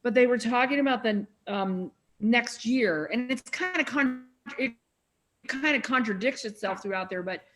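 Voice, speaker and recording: A woman's voice: a little high, normal speed. Chatty woman hosting a video call. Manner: chatty, rambling with restarts. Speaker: meeting host. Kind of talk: casual video call meeting.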